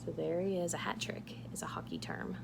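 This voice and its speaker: Whispering, this woman reads a picture book to children in a fairly low, very animated voice at a fairly quick pace. She engages her listeners with casual asides and questions, over clearly audible background noise.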